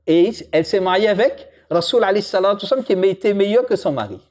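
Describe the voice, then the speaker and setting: A man's voice: high voice, fast talker. A man giving an informal religious lesson, joking with the audience and putting questions to it. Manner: lively, jokes with and questions the audience. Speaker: imam teaching a religious lesson.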